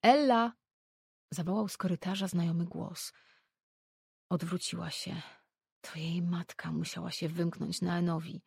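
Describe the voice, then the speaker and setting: A woman narrating an audiobook novel in an even, measured reading. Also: lowish voice, creaky, slightly rough, no echo, studio quality. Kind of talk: scripted storybook narration.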